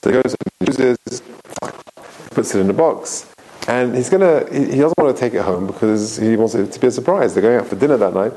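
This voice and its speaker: A man teaching a Torah class, reading Hebrew phrases slowly and explaining them with emphatic questions and a long story. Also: medium pitch, lively intonation, warm tone, a little hiss or hum, low-quality recording.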